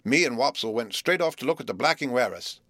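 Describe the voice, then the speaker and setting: A man reading aloud and voicing a humble, awkward country blacksmith who talks in a rustic dialect, earnest and halting. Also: mid-range voice, animated, fairly bright tone, dry recording, clean studio sound. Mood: stiff, polite.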